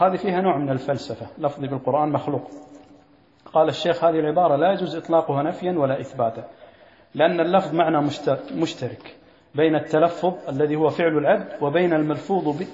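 A man's voice: fairly high pitch, a little mellow. A man teaching a creed lesson, quizzing his students and repeating key phrases. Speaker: sheikh teaching a creed text. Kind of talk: classroom lesson. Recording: echoey lo-fi hall recording.

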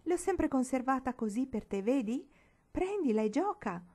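A grieving, unhinged noblewoman in an audiobook, as a woman reader puts her on, coaxing and feverishly tender. Her voice sits somewhat high and pushes forward, sweet with an unsettling edge. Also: sing-song, normal speed, dark tone, full character voice. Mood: eager. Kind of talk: audiobook reading.

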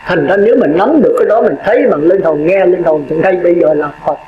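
A man's voice: sits high, fast, crowd noise. An older Buddhist monk giving a folksy dharma talk, chatty and quizzing his listeners with laughing asides. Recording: echoey, dull, noisy hall recording.

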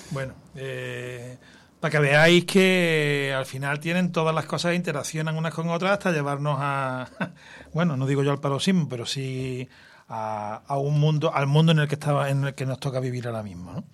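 A man's voice: a little high, moderate pace, fairly bright tone. A man with an Andalusian Spanish accent hosting a radio interview, musing in long, meandering sentences full of tag questions. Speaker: radio host.

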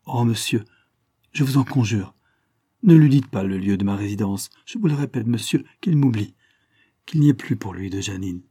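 A man's voice: on the low side, lively intonation, normal speed, dark tone, husky, no echo, clean studio sound. A man reading aloud, voicing an anxious young woman who pleads in an unsteady voice. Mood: pleading.

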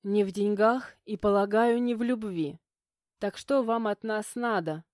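Woman doing a scared teary young girl, shaky and high. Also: fairly even intonation, very slow, dark tone, no echo, clean studio sound. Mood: bitter. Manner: trembling, tearful. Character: frightened tearful young woman, the narrator's friend.

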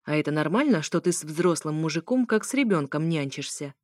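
A woman's voice: deep voice, animated, brisk, darkish tone, no echo, studio quality. Woman reading a smug, mocking ex-husband. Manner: stern, sarcastic.

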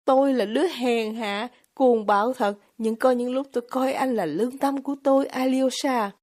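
A woman's voice: high-pitched, moderate pace, darkish tone, voice pushed up, natural voice. A woman voicing a passionate young woman in an audiobook, speaking with heightened, pleading emotion. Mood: confessional. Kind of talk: audiobook character reading.

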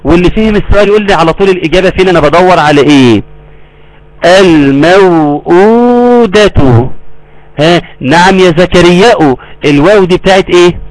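A middle-aged man with an Egyptian accent leads a live recitation lesson. His voice sits a little high for a man. The sound is close and dry, with no room echo. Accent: Egyptian Arabic. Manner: explains, then draws verses out slowly. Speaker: Quran recitation teacher.

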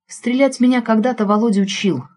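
A woman's voice: on the high side, fast talker, a little mellow. A woman narrating an audiobook expressively, following the heroine's thoughts.

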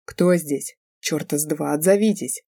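A woman voicing a gruff, impatient male drow professor who barks curt commands. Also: low-pitched, unhurried, dark tone, dry recording, studio quality.

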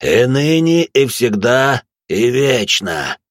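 A man's voice: medium pitch, big pitch swings, slow pace, no echo, studio quality, voice pushed up. A man voicing a stern exorcist priest. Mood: hoarse solemn. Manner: barked, urgent orders. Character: stern middle-aged male exorcist priest, commanding.

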